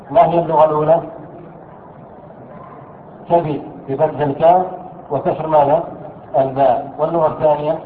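A fairly high-voiced man leads a grammar lesson. He keeps asking his students questions and answering them himself, stressing each point by repeating it. The sound is thin and phone-like, with a roomy echo and faint noise behind. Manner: repeats key words slowly for emphasis. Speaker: teacher of Arabic grammar. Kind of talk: classroom lesson explaining a text. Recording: echoey room over a thin phone-like line.

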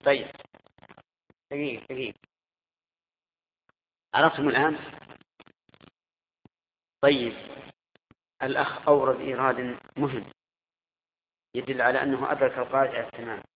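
A man's voice: medium pitch, fairly even intonation, moderate pace, pauses often. A man teaching a grammar class, quizzing his students and repeating their answers. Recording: tinny echoey hall recording.

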